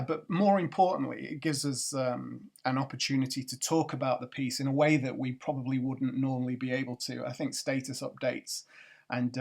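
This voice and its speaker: A man's voice: medium pitch, creaky. A middle-aged man, founder of a watch brand, talking casually over a screencast, rambling with many ums and restarts. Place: at a computer doing a screencast.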